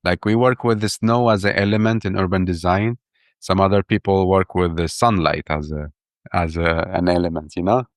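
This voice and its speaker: In a casual interview, a podcast guest who works as an urban planner, an Iraqi man in his thirties, speaks eagerly and keeps restarting and repeating words. His low voice holds a steady tone at normal speed, and the recording is dry with clean studio sound.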